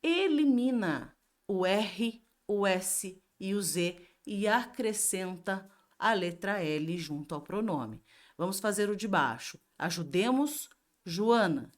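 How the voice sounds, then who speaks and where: A woman's voice: mid-range voice, lively intonation. A woman teacher with a Brazilian Portuguese accent giving a grammar review lesson, explaining step by step and asking herself questions before answering them. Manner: slow and explanatory, asks and answers her own questions.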